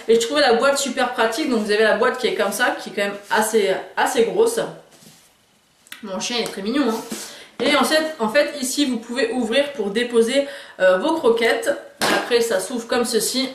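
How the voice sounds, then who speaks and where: A woman's voice: a little high, a little hiss or hum. Chatty woman in echoey room. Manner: chatty, enthusiastic, frequent hesitations. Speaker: beauty and lifestyle YouTuber. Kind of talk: casual haul video chat.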